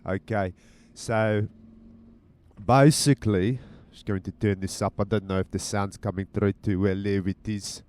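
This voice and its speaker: A man drives and talks casually on his own podcast, teasing with a mock-stern edge. His fairly low, darkish voice holds a fairly even intonation at a measured pace, captured by a handheld mic with headphones.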